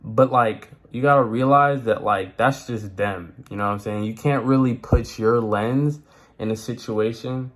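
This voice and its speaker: A man's voice: medium pitch, a little slow. A young man vlogging, talking casually and rambling with lots of fillers and slang. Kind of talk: casual talk to camera.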